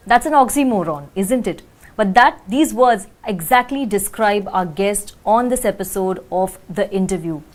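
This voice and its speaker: A woman's voice: medium pitch, animated, normal speed. Female TV interviewer, mid-range voice, courteous and formal. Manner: polite, formal, with many fillers.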